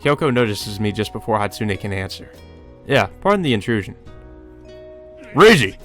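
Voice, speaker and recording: Game music runs beneath this man's narration as he reads a visual novel for a playthrough. His voice is fairly low and a bit bright, expressive and a little fast, and he occasionally trips up and repeats a line.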